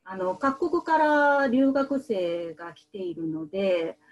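A woman in her thirties who works as a medical translator, answering interview questions in a soft, hesitant way with many fillers. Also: high voice, fairly even intonation, takes it slowly, dull audio.

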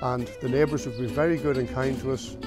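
An older man from the south of Ireland, a farmer recalling his family's history in a plain, unhurried way with small pauses. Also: medium pitch, fairly even intonation, music in the background. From south of Ireland, County Meath. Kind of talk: oral history recollection.

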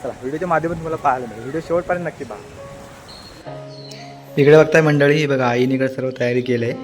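A man's voice: medium pitch, very fast, faint music behind, low-quality recording. A man from the Konkan region, narrating a village vlog in a chatty way, talking straight to viewers and often restarting his sentences. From Konkan, Maharashtra. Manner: chatty, addresses viewers directly, frequent restarts. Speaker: village vlogger. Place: village home and outdoors.

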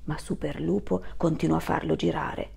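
A woman reading a children's story aloud in an expressive, animated way. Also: deep voice, moderate pace, gravelly, breathy edge.

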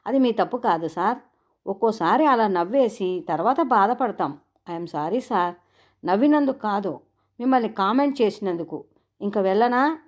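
A woman's voice: mid-range voice, lively intonation, moderate pace, a little mellow, lightly acted. Woman voicing a cheeky young male student. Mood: teasing. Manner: mock-polite, teasing.

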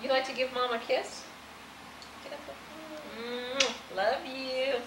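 A woman's voice: high voice, fairly even intonation, slow, roomy sound, background noise. Coaxing mother on old camcorder audio. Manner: coaxing, playful talk to a toddler. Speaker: mother filming with her children. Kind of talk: casual family home video. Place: family home indoors.

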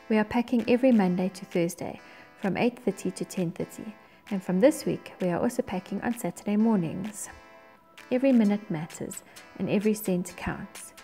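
Mellow South African woman reading church notices. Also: mid-range voice. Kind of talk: scripted announcements.

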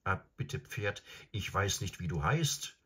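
A man's voice: low-pitched, expressive, slow, pushed and bright, slightly rough, exaggerated voice. A man reading aloud and voicing a timid young boy who pleads anxiously. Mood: pleading, nervous. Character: timid young boy, nervous first-time rider.

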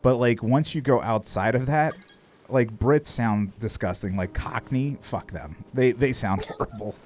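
A man's voice: mid-range voice, unhurried, darkish tone. A man streaming and chatting casually, rambling and swearing offhandedly. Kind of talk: casual chat.

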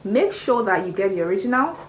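A young woman in her twenties with a Nigerian accent, talking straight to camera in a casual beauty review, repeating key points and jumping up in pitch for emphasis. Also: big pitch swings, a little fast, poor audio. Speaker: beauty vlogger. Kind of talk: casual product review vlog. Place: small indoor room by a curtained window. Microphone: camera at arm's length, face framed close.

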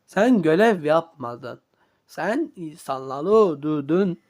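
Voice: mid-range voice, lively intonation, takes it slowly, darkish tone, pitched below the performer's own voice. A performer voicing an angry, threatening villain toilet father in an amateur cartoon fan dub. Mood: scolding.

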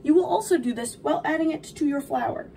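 A woman's voice: high voice, a little fast, warm tone. A young woman playing a sweet, cheerful video game princess, explaining baking in a dainty, encouraging, instructive way. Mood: gentle, instructive. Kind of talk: in-character cooking tutorial. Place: small home kitchen, indoors. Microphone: camera a few feet away. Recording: distant mic, noticeable background noise.

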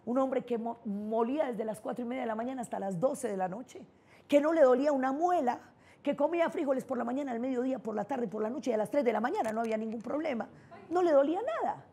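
A middle-aged woman with a Colombian paisa accent gives a motivational talk, telling her own stories with candid emphasis. Her voice is warm and mellow, with a slightly husky grain. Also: a little high, quick pace. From Colombia (Antioquia). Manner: personal storytelling, emphatic and candid. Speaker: neurolinguistic programming trainer, speaker.

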